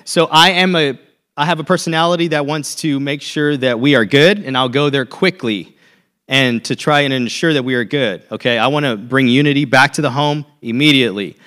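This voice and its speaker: A man's voice: mid-range voice, brisk, fairly bright tone. A man in his thirties preaching a sermon as a pastor, telling a personal story in a conversational way and checking in with "okay?" often.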